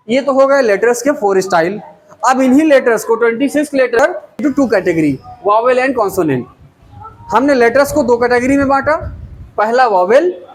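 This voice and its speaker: A man's voice: very high voice, slight background noise, rough recording. A man teaching a basic grammar lesson step by step, spelling out letters and repeating words syllable by syllable.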